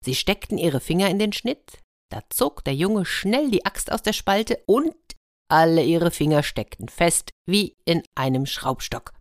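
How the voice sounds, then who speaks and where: A woman reading a German fairy tale aloud with lively, dramatic pauses. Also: fairly low pitch, no room sound, clean studio sound. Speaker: storyteller.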